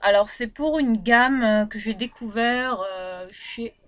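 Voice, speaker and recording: A woman from Réunion talks through her used-up beauty products in an easygoing vlog. She speaks at a slow, unhurried pace and keeps stopping to search for her words. She often restarts her sentences and fills the gaps with small hesitations. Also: a little high, fairly bright tone. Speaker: beauty vlogger. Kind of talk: casual product review.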